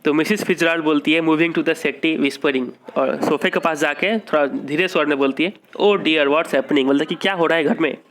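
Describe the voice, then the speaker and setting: Male teacher with a slightly high voice. He reads English lines slowly, explains them, and quizzes himself. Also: fairly even intonation, a bit bright. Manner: asks questions and answers them himself. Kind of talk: English lesson explained in Hindi.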